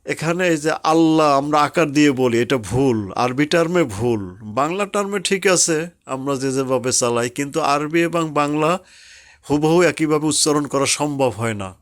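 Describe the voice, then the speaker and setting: A man teaching Quran recitation rules patiently, drawing out the example words slowly. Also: fairly high pitch. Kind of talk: slow explanatory tajweed lesson.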